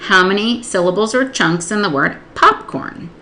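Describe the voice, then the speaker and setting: A woman literacy instructor explaining a spelling procedure step by step, patiently modeling words and sounds slowly. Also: mid-range voice, fairly bright tone, slight background noise.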